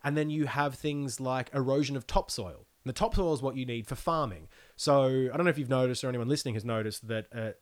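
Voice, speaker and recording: A man with a Queensland Australian accent chatting casually and swearing freely as a podcast guest, with an animated, griping comic manner. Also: medium pitch, quick pace, hardly any pauses. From Queensland and Byron Bay, Australia. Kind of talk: casual opinionated chat, comic ranting.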